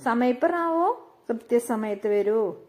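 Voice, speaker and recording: A woman from with a high, light voice teaches everyday phrases in an unhurried way. She repeats each sentence and slows down for the new words. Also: expressive, darkish tone. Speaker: language teacher. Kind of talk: spoken Hindi lesson explained in Malayalam.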